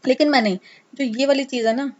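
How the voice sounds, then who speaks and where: A woman's voice: high-pitched, steady tone, fairly quick. A woman teaching an exam prep lesson in a casual, coaxing way, mixing English terms into her talk. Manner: chatty, coaxing, teasing students; mixes English terms into Hindi. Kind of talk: casual Hindi lecture. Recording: dull lo-fi sound.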